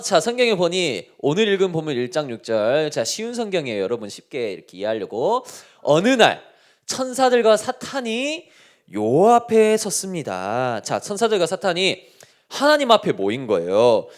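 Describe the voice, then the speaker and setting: A male pastor leads a children's sermon, throwing question after question at his young listeners. His delivery is highly animated, with pitch jumping all over. His voice is slightly high for a man. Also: moderate pace. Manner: lively, keeps asking the children questions.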